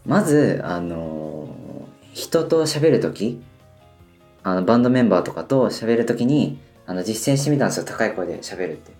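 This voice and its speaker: A man in his twenties, a band member, rambling through a solo radio talk full of hesitant fillers while deliberately pushing his voice higher than usual. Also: sing-song, a little mellow, soft background music. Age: 20s. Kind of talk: casual solo radio monologue.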